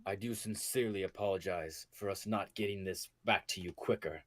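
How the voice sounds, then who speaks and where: A man voicing a deceitful, smooth-talking male adventurer with a low, oily, mock-polite manner. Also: a little fast, fairly bright tone. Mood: scheming.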